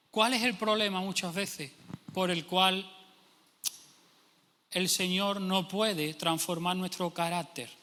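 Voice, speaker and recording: A man's voice: high-pitched, pushed and bright. A male pastor, preaching a sermon emphatically and acting out imagined speakers. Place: church hall. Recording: long church hall reverb.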